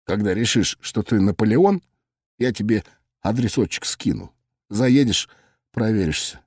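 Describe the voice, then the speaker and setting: Brief: dry-witted cop sidekick, read by a man, low mocking mutter, dead-dry studio sound. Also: unhurried, darkish tone, no room sound. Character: calm, dry-witted male cop friend.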